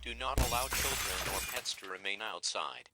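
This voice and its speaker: A man's voice: fairly low pitch, moderate pace, over loud music, natural voice. A man voicing an emergency alert broadcast, reading orders in a formal, commanding way. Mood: urgent. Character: male emergency alert system announcer, flat and official.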